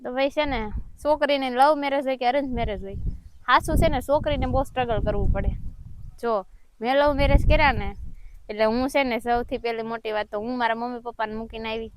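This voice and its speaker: A woman's voice: fairly high pitch, fairly even intonation, a little fast, a little hiss or hum. A young woman, earnestly telling her own story in a casual vlog chat. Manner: earnest, personal, heartfelt storytelling. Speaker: vlogger.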